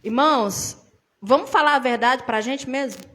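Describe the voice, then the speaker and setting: High-voiced Brazilian woman preaching casually. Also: normal speed, pushed and bright. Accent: Brazilian Portuguese. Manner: conversational, tells personal stories, addresses the congregation as brothers. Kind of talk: informal church sermon.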